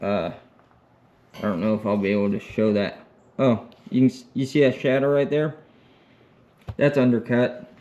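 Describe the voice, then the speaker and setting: A man's voice: mid-range voice, little pitch movement, normal speed, pauses often, warm tone, dull audio. A man talking casually and plainly as a DIY mechanic showing his work, unscripted and laid-back. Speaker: DIY truck mechanic vlogger and welder. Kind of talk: casual, unscripted vlog talk.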